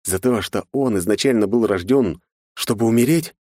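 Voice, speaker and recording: A man's voice: fairly low pitch, moderate pace, warm tone, no room sound, clean studio sound. A man narrating a fantasy audiobook in a tense, dramatic reading. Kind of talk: scripted narration.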